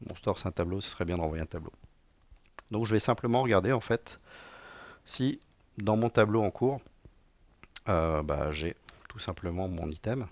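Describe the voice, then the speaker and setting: A man's voice: sits low, lively intonation, normal speed, long pauses, no echo. A middle-aged man live-coding at a conference, talking casually with lots of fillers and dry jokes to a room audience. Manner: casual and joking, many fillers. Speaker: conference speaker, technical director. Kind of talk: live-coding tech talk.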